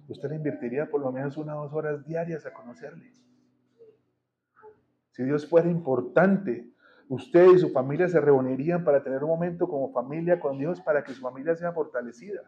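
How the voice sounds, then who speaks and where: Blunt pastor preaching. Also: male voice, fairly high pitch, dark tone, muffled recording, a little hiss or hum. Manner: blunt, colloquial, emphatic preaching. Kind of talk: sermon. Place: church hall.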